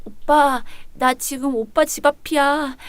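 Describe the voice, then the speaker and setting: A woman's voice: high-pitched, steady tone, takes it slowly, dry recording. A woman voicing a scheming young woman who whines, sobs and begs. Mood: pleading. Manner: whiny, sobbing, pleading.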